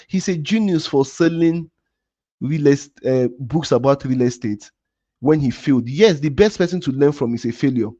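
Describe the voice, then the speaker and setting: A man's voice: mid-range voice, mellow, no echo. Guy on a crypto livestream, swearing and ranting, repeats himself a lot, muffled lo-fi audio. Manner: heated, swearing rant at a viewer; repetitive, restarts often. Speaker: crypto trading livestream host. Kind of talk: live stream talk to chat.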